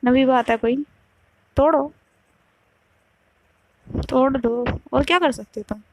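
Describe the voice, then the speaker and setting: A woman's voice: high voice, slow pace, darkish tone, a little hiss or hum, voice pushed up. A woman voicing a young woman who is tired and bitterly cold in a storytime love drama. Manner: curt, pleading then cutting.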